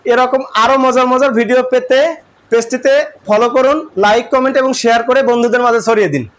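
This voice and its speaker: A man's voice: very high-pitched, flat delivery, fast talker, a bit bright. A man with a Bangladeshi accent teaching English grammar to a class, asking questions and repeating the answers.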